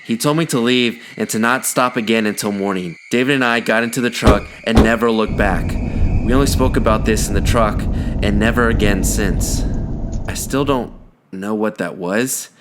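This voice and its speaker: A man narrating a first-person horror story in a measured, even storytelling manner. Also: fairly low pitch, heavy background noise. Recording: narration over background music.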